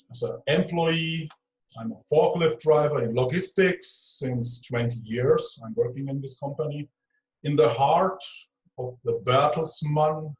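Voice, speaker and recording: Man, forties, interview guest, very slow, halting, self-correcting, echoey room. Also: a little high, a little mellow. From Germany. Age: 40s. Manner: searching for words, self-correcting.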